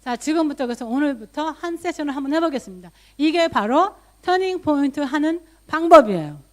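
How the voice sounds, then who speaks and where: A woman's voice: sits high, expressive, a little fast. A woman pastor giving a sermon in a conversational storytelling way, sprinkling in English words and lifting her voice when she quotes her own prayers. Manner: mixes English loanwords into speech.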